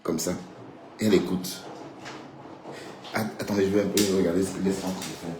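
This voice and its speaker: A man talks casually to his viewers on a live stream, rambling and tossing in little check-ins. His voice sits low. The room gives back a noticeable echo with faint background sound. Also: fairly even intonation, brisk, noisy background. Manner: rambling, addresses viewers directly with frequent "hein" and "d'accord".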